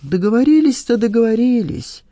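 Reader doing a whiny, defensive man in an audiobook, pitched up, lively swings. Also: normal speed, no room sound, clean studio sound. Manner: aggrieved, defensive, whining. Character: whiny petty middle-aged man, self-pitying. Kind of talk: audiobook dialogue.

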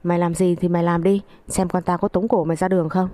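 A woman's voice: fairly low pitch, flat delivery, quick pace, warm tone, no echo, close to an everyday voice. A woman voicing a foul-mouthed, spiteful older village mother-in-law who belittles everyone in coarse tirades. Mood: abusive scolding.

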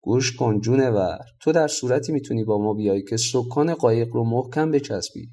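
A man voicing a gruff male boatman who speaks brusquely. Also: medium pitch, dark tone, natural voice.

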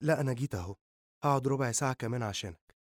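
A man voicing a shy, caring teenage girl with an Egyptian accent, speaking softly and sincerely in an audiobook reading. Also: mid-range voice, rapid-fire, dry recording, studio quality, natural voice. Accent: Egyptian Arabic.

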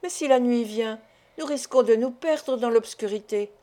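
A woman's voice: on the high side, moderate pace, dark tone, close to an everyday voice. A woman reading aloud voices a timid, complaining older village doctor who pleads and frets, in an audiobook. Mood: worried. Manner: pleading and fretful.

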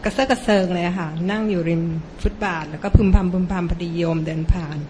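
A woman's voice: on the low side, fast talker, noisy background. A laywoman politely asking a monk a question, hesitant with many fillers. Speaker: lay questioner.

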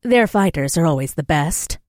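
A man's voice: on the high side, expressive, normal speed, dry recording, clean studio sound, pitched above the performer's own voice, lightly acted. A man voicing a formal warrior princess. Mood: earnest, wondering. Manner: formal stilted phrasing without contractions. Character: young woman warrior princess, formal, earnest, otherworldly.

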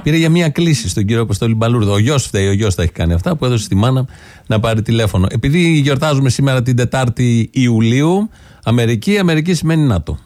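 A man's voice: medium pitch, animated, a little mellow, no room sound. Wry man in a dry studio. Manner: wry, sardonic. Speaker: radio host. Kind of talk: radio comedy link.

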